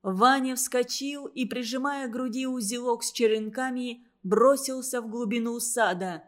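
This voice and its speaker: A woman's voice: fairly high pitch, moderate pace. Woman reading a war story aloud. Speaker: narrator. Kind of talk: audiobook reading.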